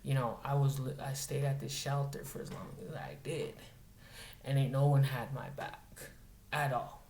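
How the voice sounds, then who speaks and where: A man's voice: medium pitch, moderate pace, gravelly, darkish tone. A man from Montana telling a story in a casual monologue. He talks bluntly, swears often and stresses his points. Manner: blunt, profane, emphatic. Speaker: vlogger. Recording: echoey room, faint noise.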